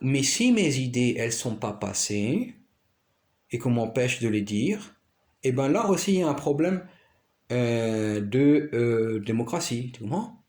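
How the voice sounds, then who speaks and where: In an echoey room, a male vlogger with a medium-pitched, darkish voice talks a little slowly but with great animation. His monologue rambles and repeats itself as he keeps asking "you understand?" to make sure the listener is following.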